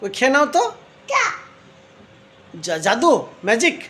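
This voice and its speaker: A woman playing with her toddler at home, asking simple questions again and again and gently scolding with tutting sounds. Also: a little high, big pitch swings, a little slow. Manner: repeats simple questions over and over. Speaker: parent filming her toddler. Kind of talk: playful coaxing talk to a toddler.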